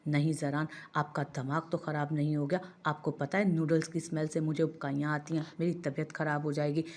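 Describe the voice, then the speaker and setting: Woman narrator doing a pushy pregnant young wife, low voice, audio novel. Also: little pitch movement, a little fast, a little mellow. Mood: tearful. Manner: insistent, whiny.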